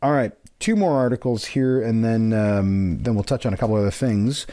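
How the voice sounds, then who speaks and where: A man's voice: lowish voice, moderate pace, warm tone, no echo, clean studio sound. A man hosting a casual podcast chat, jokey and rambling, with lots of restarts. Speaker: podcast host.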